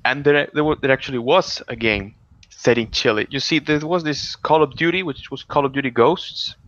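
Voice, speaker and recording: A man co-hosting a casual podcast, telling stories in an animated way with many restarts and sudden excited outbursts. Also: mid-range voice, moderate pace, no room sound. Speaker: podcast co-host. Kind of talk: casual political chat. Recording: dull lo-fi audio.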